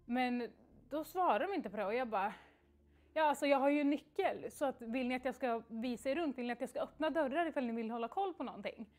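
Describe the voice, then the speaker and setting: A young woman on a livestream telling a story in a casual, animated way and acting out the quoted dialogue, with lots of fillers. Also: high voice. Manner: frequent fillers like "liksom" and "jag bara".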